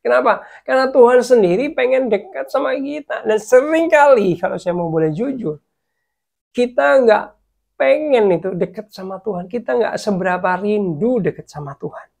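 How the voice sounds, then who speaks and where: A man preaching a casual devotional sermon, chatting with listeners as "guys", sometimes dropping to a soft hush and sometimes urging them louder. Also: very high voice, animated, normal speed, creaky. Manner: chatty, addresses listeners as "guys", mixes in English words; swings between soft, hushed passages and louder urging.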